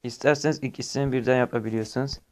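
Man, medium pitch, casual tutorial presenter, plain step-by-step explaining, slightly noisy amateur recording. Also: fairly even intonation, racing, darkish tone. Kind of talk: casual screen-recorded app walkthrough.

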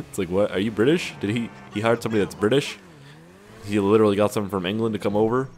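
A deep-voiced man narrates his gameplay in a loose, rambling way. He swears often and talks straight to his viewers as he plays. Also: fast talker, a little mellow. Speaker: gaming YouTuber. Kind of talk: casual gameplay commentary.

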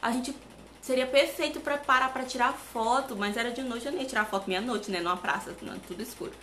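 A young Brazilian woman chatting to camera as a vlogger, animated and talkative, with many asides to her viewers, at home with a fan running. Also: on the high side, quick pace, echoey room, slight background noise. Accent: Brazilian Portuguese. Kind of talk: casual chat to camera.

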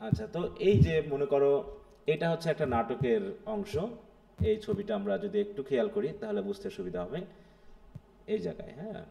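A man's voice: a little high, very animated, a little fast, vocal fry, dark tone. A man teaching an English literature class live, mixing Bengali and English and often checking with his students. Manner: explains step by step, keeps checking with students.

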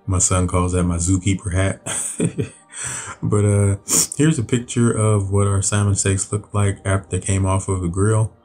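A cooking channel host with a very deep, low voice casually narrates his grilled recipe at a measured pace. He rambles in a relaxed, loose way with lots of fillers and restarts, while soft music plays faintly underneath.

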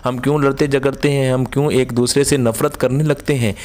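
A playful young woman, voiced by a man narrating a storybook teases with warmth. The line stays flat and level in pitch. She jokes easily and means it kindly. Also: fairly quick, lightly acted. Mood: wistful. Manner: playful joking tone. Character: cheerful teasing young woman, warmhearted.

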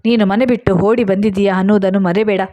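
A woman's voice: mid-range voice, fairly even intonation, quick pace, dark tone, close to an everyday voice. A woman voicing an angry, scornful young man in a read-aloud story, sneering and mocking.

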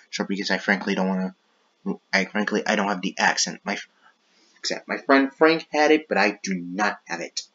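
Casual male gaming vlogger, slightly low and husky, self-interrupting, apologetic, muffled home-mic sound. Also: bright, forceful tone. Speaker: YouTube gaming channel host. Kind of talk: casual rambling commentary.

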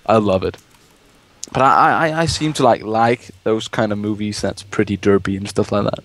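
This young gaming host has a voice on the low side with a fairly bright tone, speaking at a moderate pace. He rambles casually about films during play and lets out swears whenever he's caught off guard.

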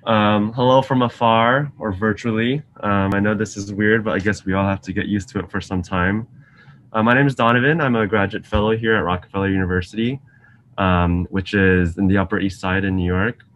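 With a lower, slightly bright voice, a fairly quick pace and fairly even intonation, a young Singaporean grad student in science outreach chats through a casual online lesson. Faint hiss rides over the video call webcam in his indoor lab office with shelves. He's warm and talkative, ums frequently and puts questions to the students.

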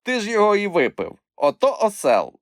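A man voicing a brave, hot-tempered young male troll in a storybook reading, quick to shout and scold. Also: medium pitch, very animated, dry recording, studio quality, voice pushed up, lightly acted. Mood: angry. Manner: shouting insults, quick to anger. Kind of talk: audiobook character voice.

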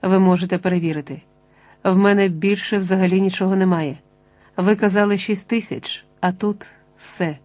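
A woman's voice: mid-range voice, fairly even intonation, moderate pace, darkish tone, no room sound, lightly acted. A woman voicing a panicked plump middle-aged man who begs in a rush of pleading words. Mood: desperate. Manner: frantic, pleading, tumbling words.

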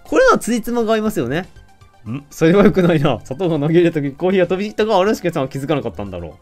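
A man with a Kansai accent streams a mystery game, reading out the characters' lines in turn. His delivery is playful and lively, with pitch swinging widely. Faint game music plays under his voice. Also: racing. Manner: playful, animated, jokes with the game and often laughs. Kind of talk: let's-play commentary reading character lines.

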